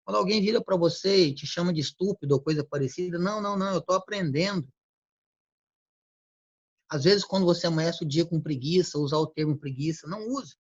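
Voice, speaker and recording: A man giving a motivational talk on word choice, acting out quick everyday exchanges. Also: on the high side, slightly rough, no echo. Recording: dull lo-fi recording.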